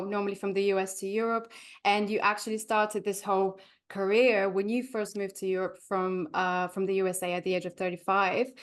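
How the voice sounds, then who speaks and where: A woman's voice: mid-range voice, smooth. A woman from Bulgaria hosting a podcast interview, often hesitant, with many fillers and restarts. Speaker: podcast host.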